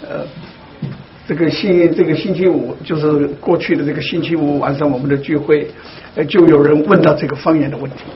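High-voiced man teaching scripture slowly. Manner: slow, deliberate, with frequent fillers. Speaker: Bible study leader. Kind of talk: Bible teaching to a congregation. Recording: dull lo-fi recording, faint hiss.

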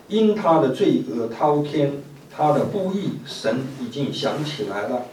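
A man reading scripture aloud in a steady, measured way. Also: mid-range voice. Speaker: scripture reader. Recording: roomy, distant mic with faint noise.

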